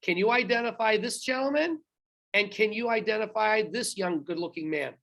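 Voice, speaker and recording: A man's voice: high-pitched, moderate pace, a bit bright. A man teaching history in a recorded lecture, talking straight to his students and stopping to quiz them on trivia. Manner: chatty, talks straight to students, quizzes them.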